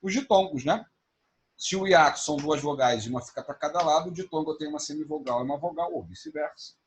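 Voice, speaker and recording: A man teaching an online class, spelling out examples slowly. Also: a little high, slight background noise.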